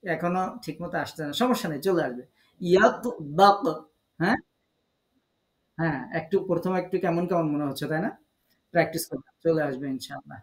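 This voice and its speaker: Fast and fairly high-pitched, a man with a Bangladeshi Bengali accent quizzes recitation students over a video call. He stays patient and encouraging while correcting pronunciation. The audio is poor and reverberant.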